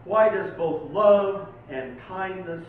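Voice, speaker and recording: A high-pitched, slow-speaking poet from Oregon dramatically performs his own pieces at a poetry night, with relaxed introductions in between. The microphone sits far away, leaving the sound tinny, very echoey and faintly noisy.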